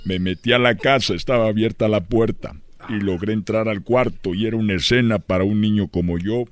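A man telling a comic story in an animated way, often laughing as he talks. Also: on the low side, brisk.

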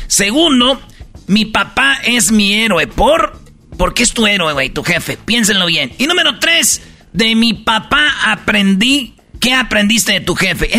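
A man hosting a joking radio show, telling slangy stories and pitching a contest in a loud promo style. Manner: rapid slangy storytelling, loud promo delivery.

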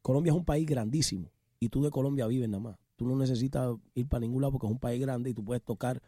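A man with a Puerto Rican accent, a guest musician chatting casually in an interview and telling his stories with quick asides. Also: mid-range voice, dry recording, clean studio sound. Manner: animated storyteller, quick asides.

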